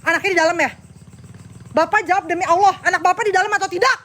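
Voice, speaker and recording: A woman vlogger stands outdoors in front of a house, filming on her phone while angrily confronting a man and speaking to her viewers. Her voice is very high and fairly bright, with fairly even intonation and fast delivery. She sounds agitated and accusing in this heated live confrontation.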